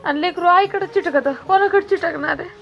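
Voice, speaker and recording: A worn-out young mother, as a woman acts her out. She talks in a high, tearful voice and keeps complaining and coaxing. Loud background music plays under the comic family sketch. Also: brisk, vocal fry, muffled recording. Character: exhausted young mother, weepy, overwhelmed by baby.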